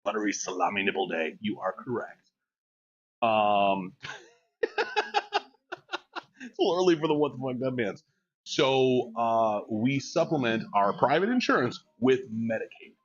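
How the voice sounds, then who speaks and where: A man's voice: mid-range voice, a little slow, pauses often. A man in his forties chatting casually on a live stream, joking and reading chat aloud. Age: 40s. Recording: dull lo-fi mic.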